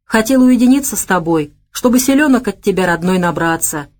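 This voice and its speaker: A woman voicing a tough male fighter who talks in an earnest, deadpan way. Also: mid-range voice, a little fast, close to an everyday voice.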